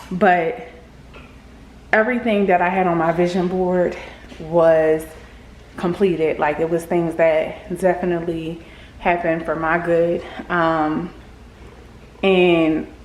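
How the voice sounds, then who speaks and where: A woman's voice: lowish voice, a little hiss or hum, low-quality recording. A woman vlogging in casual, rambling chat to viewers, her speech slightly lisped from the retainers she is wearing.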